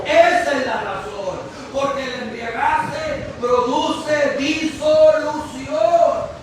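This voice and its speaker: Male preacher, high voice, slow and emphatic, shouting at peaks, heard from far off in an echoey church with faint hiss. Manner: preaching with rising shouts and slow, stressed words. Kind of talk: impassioned sermon. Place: church sanctuary.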